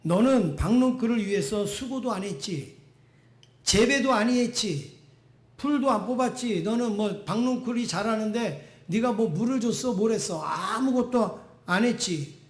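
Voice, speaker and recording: A stern God figure scolds a sulking prophet with pointed rhetorical questions, as a preacher puts him on. The voice sits high and rings through an echoey church. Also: male voice, animated, unhurried. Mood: chiding.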